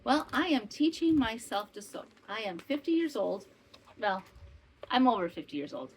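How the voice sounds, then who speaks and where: Her pitch is fairly high and swings widely at a moderate pace as this Wisconsin woman in her fifties hosts her casual home podcast, wandering into asides and correcting herself. The rough recording picks up a faint fan hum from the summer heat.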